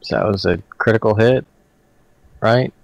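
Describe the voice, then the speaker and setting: A man with a somewhat low voice playing a tabletop game. He drawls slowly and sounds amused as he talks through his turn. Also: creaky, no room sound, dull audio. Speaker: player. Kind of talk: casual tabletop game chat.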